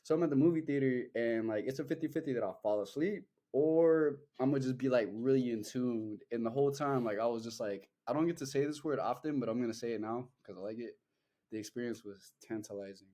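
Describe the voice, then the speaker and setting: A young man with a warm, mellow voice at a middle pitch, rambling in casual podcast chat. He talks loosely, full of fillers and cursing, circling back as he goes. It sounds like an easygoing conversation between friends. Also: fast talker. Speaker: podcast host.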